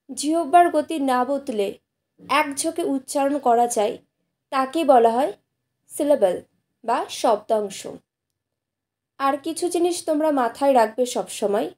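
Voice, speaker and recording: Woman, high voice, mellow warm tone, patient classroom explanation. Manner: patient, repeats and sounds out example words slowly. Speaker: English teacher. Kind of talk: slow explanatory lesson to students.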